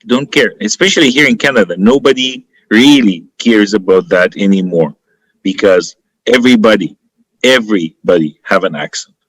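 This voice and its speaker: Emphatic Egyptian-accented man, lowish voice, dry sound. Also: moderate pace, no room sound, low-quality recording. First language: Arabic. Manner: emphatic, encouraging, repeats phrases for stress. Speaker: interview guest, politician and teacher. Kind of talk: conversational interview answers.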